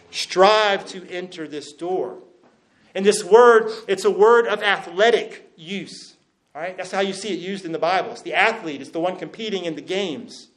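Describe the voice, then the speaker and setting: A man delivers a sermon as a pastor. His voice sits a little high for a man, and he leans on repeated phrases to drive each point home. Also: fairly bright tone. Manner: emphatic, repeats phrases for stress.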